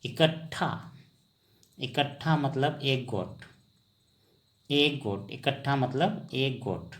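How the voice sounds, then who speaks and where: A male language teacher speaks at a very slow, deliberate pace in a middle-pitched voice. He drills each word several times. He poses questions to the viewer and then answers them himself, as in a recorded screen lesson. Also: animated, a bit bright. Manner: slow, repetitive drilling, asks and answers his own questions. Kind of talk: vocabulary lesson.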